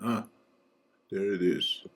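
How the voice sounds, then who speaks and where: A man hosting a casual screencast walkthrough of software, thinking aloud and dropping relaxed joking asides. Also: lowish voice, takes it slowly, slight background noise. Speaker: software reviewer and channel host.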